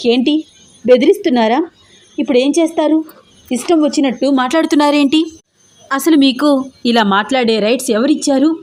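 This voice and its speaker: A woman voicing an indignant young pregnant wife who snaps back quickly and sharply. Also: mid-range voice, close to an everyday voice. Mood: indignant, angry.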